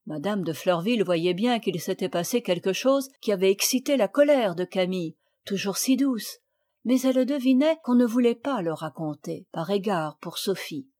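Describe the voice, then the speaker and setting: A woman narrating a children's classic as an audiobook, with a clear, expressive reading. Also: mid-range voice, normal speed. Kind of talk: storybook reading.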